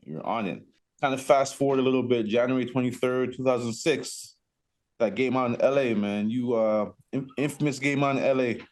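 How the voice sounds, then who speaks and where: Brief: male podcast host, mid pitch, easygoing, chatty affirmations. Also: moderate pace. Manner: relaxed, lots of short affirmations. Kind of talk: casual interview.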